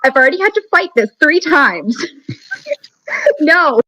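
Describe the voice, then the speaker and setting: A woman's voice: high voice, lively intonation, unhurried, pushed and bright, no echo. A woman speaking casually on a video call as a convention staff head, bubbly and friendly. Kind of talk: casual online call chat. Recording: slightly muffled call audio.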